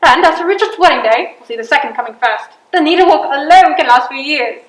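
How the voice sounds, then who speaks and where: Actress as a high-voiced, cunning older queen. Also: brisk, close to an everyday voice. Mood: wry, probing. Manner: grand, wry, manipulative. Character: proud, cunning older imprisoned queen and mother. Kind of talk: theatrical period drama monologue and dialogue. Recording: echoey room, audible background noise.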